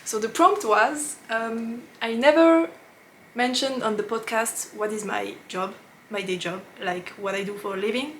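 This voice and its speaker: A French-accented woman hosts a knitting podcast, chatting casually to camera. Her voice is a little high and a bit bright, with slight background noise. She laughs often and pauses with fillers while searching for English words.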